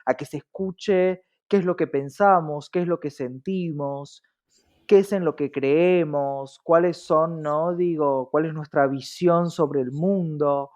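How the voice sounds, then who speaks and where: This podcast guest, an Argentine diversity professional, talks slowly and reflectively in a fairly high, slightly mellow voice. He keeps adding short tag questions to check in, and the lo-fi recording sounds dull.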